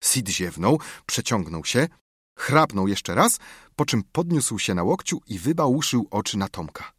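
A man narrating a children's classic as an audiobook, with expressive storytelling. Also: fairly low pitch, a little slow, husky, dry recording, studio quality. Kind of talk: scripted narration.

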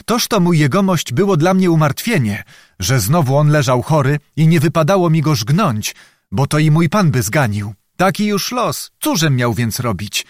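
A man's voice: a little high, very animated, moderate pace, no echo, studio quality. A man voicing a shrewd, phlegmatic young male servant who tells his story in a sly, matter-of-fact way. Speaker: storyteller within the tale.

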